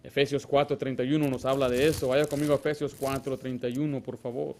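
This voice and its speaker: A man's voice: medium pitch, flat delivery, fast, warm tone, slight background noise. A male pastor preaching a Baptist sermon, asking the congregation rhetorical questions and acting out little dialogues. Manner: acts out short dialogues in a raised voice.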